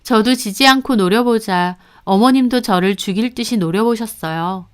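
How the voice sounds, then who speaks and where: A woman's voice: on the high side, moderate pace, clear, resonant tone. A woman telling a personal story in first person, in a confiding way. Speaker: story narrator. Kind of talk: storytelling narration.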